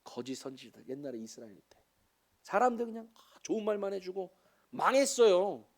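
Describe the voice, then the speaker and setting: Preaching with a very animated, brisk delivery, a Jeolla-accented Korean missionary in his forties keeps tossing chatty jokes to his congregation. His voice is high-pitched.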